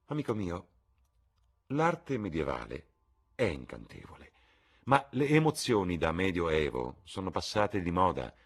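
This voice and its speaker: A man voicing a witty, cynical aristocratic gentleman in an audiobook reading, with a husky voice and a drawling, ironic delivery. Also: low voice, very animated, unhurried, pitched above the performer's own voice, exaggerated voice.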